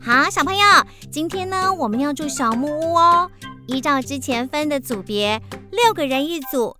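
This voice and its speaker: A woman's voice: high voice, animated, normal speed, voice pushed up. A woman voicing a cheerful school teacher in a children's radio drama, coaxing and sing-song. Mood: upbeat. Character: cheerful female school teacher on a field trip. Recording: children's music underneath.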